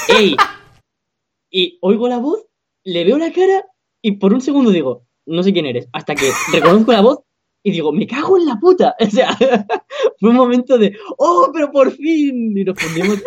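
A man's voice: high-pitched, a little mellow, highs cut off, slight background noise. A young man co-hosting a chat, telling a story casually with laughter and swearing. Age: young adult. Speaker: podcast co-host.

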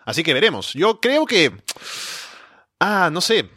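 A man with a somewhat higher voice co-hosts a casual podcast, talking in an easygoing way that thinks aloud. The sound is dry and close, with no room around it. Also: big pitch swings, measured pace, sharp tone, no room sound. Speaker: podcast co-host. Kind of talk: casual wrestling podcast chat.

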